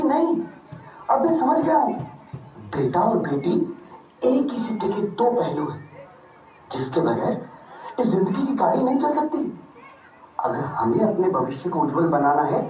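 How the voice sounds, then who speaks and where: A woman's voice: medium pitch, slight background noise. A woman acting as a young husband full of regret, speaking in a pleading, emotional way, recorded far from the mic in an echoey room. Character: remorseful young husband, male. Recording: echoey room from far off, tinny phone-like sound.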